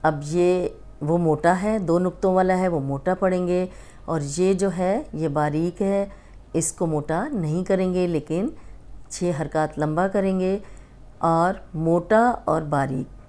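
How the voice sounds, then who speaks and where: A woman teaching Quran letter pronunciation with a Pakistani Urdu accent, speaking slowly and patiently as she draws out each sound. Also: fairly low pitch, warm tone. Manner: patient, drawn-out letter recitation and explanation. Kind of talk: slow instructive lesson.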